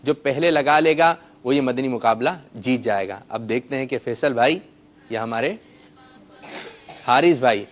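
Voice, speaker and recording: A man hosting a children's quiz show, coaxing the kids and correcting their pronunciation. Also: mid-range voice. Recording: muffled lo-fi broadcast sound.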